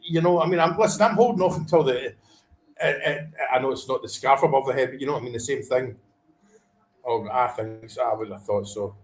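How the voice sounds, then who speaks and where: A man vlogging a live football reaction from home, chatting casually, then erupting into shouted celebration and swearing before apologising. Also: mid-range voice, brisk, echoey room, low-quality recording. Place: at home, wife in the room.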